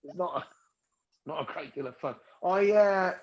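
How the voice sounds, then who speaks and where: A man's voice: sits high, measured pace, highs cut off, very noisy. A man in his forties doing a crude, self-mocking stand-up set, rambling and laughing at his own jokes. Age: 40s. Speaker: stand-up comedian. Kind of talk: stand-up set over a video call.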